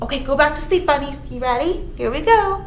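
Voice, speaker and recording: Reading to young children at storytime, a woman plays up the story with exaggerated fun and chats to her small audience between lines. Her high voice is lively in intonation and fairly quick. Background noise and a roomy echo fill the recording.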